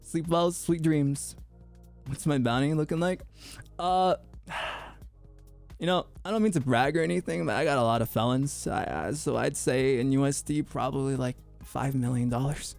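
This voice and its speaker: A man's voice: mid-range voice, vocal fry, a little mellow, soft background music. A young man streaming his VTuber debut, goofy and joking, often tripping over his words in restarts. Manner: goofy, joking, quick to laugh; stammering restarts. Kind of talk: casual livestream chat.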